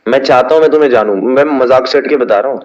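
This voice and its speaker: A man's voice: mid-range voice, fast. Man giving a chatty team training. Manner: conversational, checks in often with questions, mixes in English phrases. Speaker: business trainer. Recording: slightly muffled lo-fi recording.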